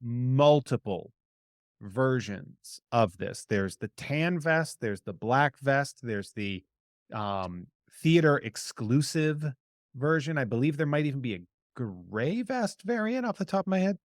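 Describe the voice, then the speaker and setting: A man with a Boston accent chatting casually and explaining in a halting, informal way. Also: mid-range voice, sing-song, no room sound, clean studio sound. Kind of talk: casual chat about collectible toys.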